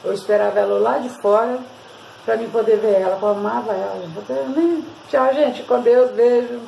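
Chatty Brazilian woman with a gravelly voice. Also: fairly high pitch, moderate pace, warm tone, slight background noise, rough recording. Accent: Brazilian Portuguese. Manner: chatty, constantly addresses viewers. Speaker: vlogger. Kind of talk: casual storytelling and hair-care tips.

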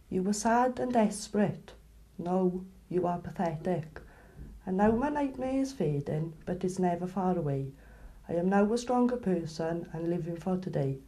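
A woman's voice: on the low side, mellow. Woman reading a personal poem. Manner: earnest, direct address to a former partner. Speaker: storyteller telling her own story.

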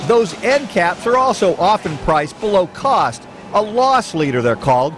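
A man's voice: high-pitched, big pitch swings, unhurried. A man narrating a local TV news report with a polished delivery. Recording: noisy broadcast audio.

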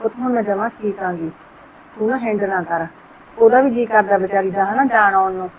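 A woman playing a kind, ailing older mother-in-law in a family short film, speaking softly and coaxingly. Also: mid-range voice, fairly quick, muffled recording, a little hiss or hum, natural voice.

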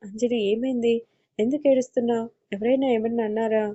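A protective young man coaxes and gently scolds in a storybook audio tale, as a woman reads his lines. The voice is mellow and somewhat high. The recording sounds dull and lo-fi. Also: steady tone, brisk, lightly acted. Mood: coaxing. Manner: coaxing, affectionate scolding.

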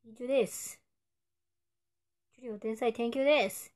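A twenty-something idol streams for her fans in a slightly high, steady voice at normal speed. Casual and playful, she reads out fan comments and occasionally whispers.

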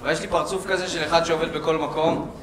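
High-pitched guy doing standup in a club, acts out all the dialogue, echoey room, crowd laughing. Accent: Israeli. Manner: animated storytelling, acting out dialogue in raised voices. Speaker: stand-up comedian. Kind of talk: stand-up comedy set. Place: club stage before a live audience.

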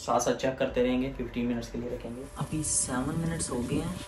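In a home kitchen, a cooking vlog host chats casually with viewers, walking through each step of the recipe. His medium-pitched voice is fast and darkish, with slight background noise, and the recording sounds echoey with music playing behind him.

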